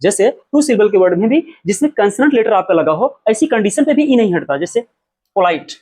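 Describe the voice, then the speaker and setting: High-voiced male teacher, repeating himself. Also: animated, a little fast, darkish tone. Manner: asks and answers his own questions, repeats each point; spells out words letter by letter. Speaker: English teacher. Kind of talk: spelling lesson.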